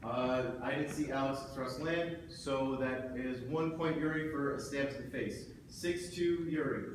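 A man refereeing a sparring match with booming, commanding announcer-like calls. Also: a little slow. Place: large indoor gym with rubber floor. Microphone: distant camera microphone. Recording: distant camera in echoey hall, background noise.

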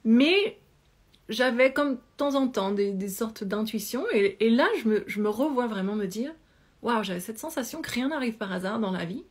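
A woman's voice: fairly high pitch, normal speed. Chatty woman telling her own story. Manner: chatty, animated hand gestures, many fillers and restarts. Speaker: yoga teacher and life coach. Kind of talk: casual personal storytelling. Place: small indoor room at home. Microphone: phone or webcam close to face.

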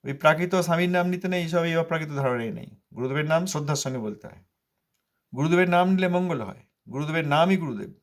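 A man with a fairly high-pitched voice delivers a devotional sermon. He drives points home by repeating them and answers his own rhetorical questions. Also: fast talker. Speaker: spiritual teacher expounding scripture.

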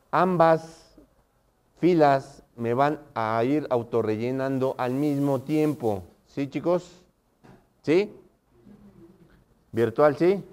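A male teacher leads a live online class in a slightly high, smooth, clear voice. He walks through each step and keeps checking in with his students through short questions. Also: a little mellow.

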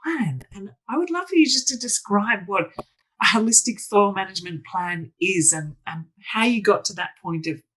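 Bright-voiced enthusiastic woman host. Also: mid-range voice, expressive, moderate pace, poor audio. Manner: enthusiastic, rambling with many restarts. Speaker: podcast host. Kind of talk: conversational interview.

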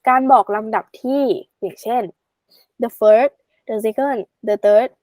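A woman tutor with a slightly high voice talks a student through grammar in a relaxed, affectionate way. She stretches out each example word slowly and clearly. The sound is dry and close, with no room echo. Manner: chatty, affectionate, calls the learner "child"; slows right down to spell out English examples. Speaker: English tutor. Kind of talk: casual tutoring explanation.

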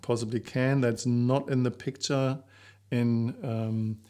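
Middle-aged male coach, narrow pitch range, to-camera presentation, semi-scripted, pausing delivery. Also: little pitch movement, warm tone, smooth. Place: small living-room home studio indoors. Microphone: shotgun microphone just out of frame.

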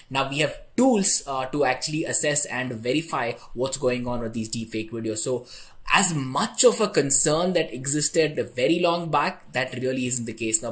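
A young man teaching a tech tutorial in a chatty way, often checking in with "right?". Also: fairly high pitch. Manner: conversational, ends points with "right?". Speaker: online instructor.

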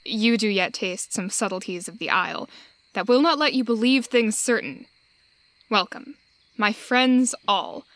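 Woman playing Prospero, a slow, grand sorcerer-duke. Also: mid-range voice, a bit bright. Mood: stately. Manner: grand, declamatory, deliberate. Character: commanding exiled duke sorcerer Prospero, solemn and grieving. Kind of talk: Shakespearean radio play acting in verse.

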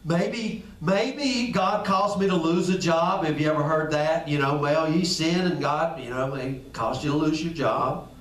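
Folksy preacher in an echoey room. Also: male voice, on the high side, unhurried, fairly bright tone. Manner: folksy, conversational preaching with Southern idioms. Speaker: pastor. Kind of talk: sermon. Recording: echoey room, picked up from a distance.

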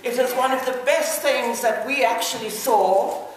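A woman's voice: fairly high pitch, measured pace. An older woman making assured, persuasive remarks to a meeting. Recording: echoey room from far off.

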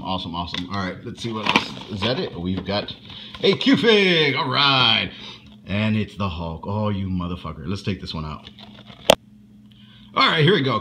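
A man doing casual unboxing commentary in a rambling, halting way, swearing freely as he goes. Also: lowish voice, background noise. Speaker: unboxing vlogger.

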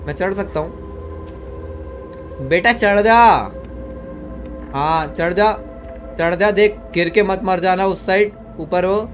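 A young man with a fairly high voice streams a horror game at home into a desk mic. He jokes and trash-talks in a mix of Hindi and English, and shouts at the on-screen character. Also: slow, pauses often, soft background music. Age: young adult. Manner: joking, switching between Hindi and English, yelling at the game character. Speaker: gaming streamer. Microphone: desk microphone.

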